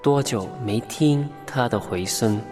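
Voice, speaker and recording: A woman in a radio station jingle whose voice comes back as a distant, repeating echo, softly repeating the lead voice's phrases. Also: rumbling low, a little slow, music in the background. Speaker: station promo voice.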